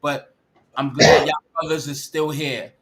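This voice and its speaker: A man's voice: on the high side, steady tone, measured pace, a bit bright. A man in his forties in a casual debate chat, stammering and repeating his words. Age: 40s.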